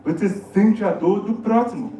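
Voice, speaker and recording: A man's voice: high-pitched, a little slow, mellow. A man with a Brazilian Portuguese accent, a pastor giving a testimony sermon to a congregation, speaking emphatically and putting questions to the listeners. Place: church service hall. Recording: echoey hall, distant dull mic, music behind.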